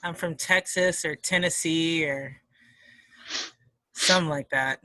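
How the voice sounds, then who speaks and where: Woman podcast co-host, casual and profane, with a bright edgy voice. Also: sits low, measured pace, dry recording, poor audio. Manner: rambling, profane, joking. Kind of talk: casual chat.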